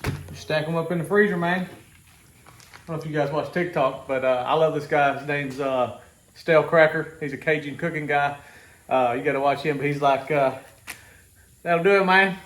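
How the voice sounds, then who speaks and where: A man's voice: on the high side, steady tone, moderate pace. Easygoing man in an echoey kitchen. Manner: easygoing, rambling, self-joking. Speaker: homestead vlogger. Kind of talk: casual how-to vlog.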